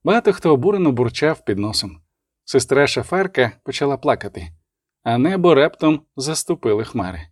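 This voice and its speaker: A man narrating an audiobook with a dramatic, expressive reading. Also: mid-range voice, fairly quick, no room sound, clean studio sound. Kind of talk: scripted narration.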